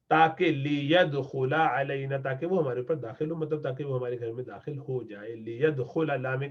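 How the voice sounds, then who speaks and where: A male Arabic teacher with a Pakistani Urdu accent, giving a recorded grammar lesson, reading example sentences slowly and then explaining them quickly. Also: fairly high pitch, dull audio.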